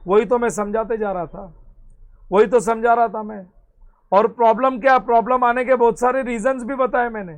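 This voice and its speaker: A man with an Indian accent giving a classroom accounting lecture, repeating key points and mixing in English terms. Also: very high voice. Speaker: accounting teacher.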